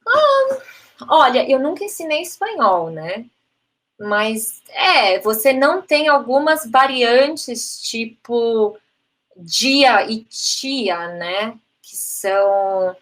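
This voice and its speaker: A woman's voice: mid-range voice, a bit bright. A woman with a Brazilian Portuguese accent, a language teacher giving a live online talk on phonetics, chatty and dropping in English terms. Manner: chatty, frequent "né?" tags, mixes in English terms. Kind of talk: live online talk answering chat questions.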